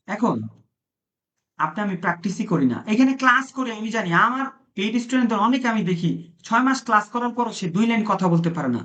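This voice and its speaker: A man's voice: high-pitched, animated, quick pace, sharp tone. A man teaching a classroom language lesson, asking his students questions and repeating their answers. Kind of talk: classroom lesson, live-streamed. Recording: dull lo-fi classroom audio.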